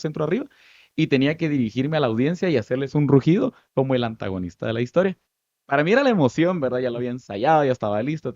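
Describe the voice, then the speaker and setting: A Guatemalan man in his thirties recounts his path into acting with animated, story-driven energy, and his Guatemalan Spanish accent comes through clearly. His voice sits at a middle pitch. The recording is dry and slightly dull. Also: no room sound. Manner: animated, lively storytelling with many asides. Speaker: guest, stage actor. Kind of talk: storytelling interview answers.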